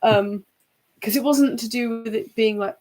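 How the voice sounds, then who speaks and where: A woman's voice: fairly high pitch, moderate pace, darkish tone. A woman co-hosting a livestream in casual chat, chatty and giggly, often trailing off with fillers. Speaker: livestream co-host.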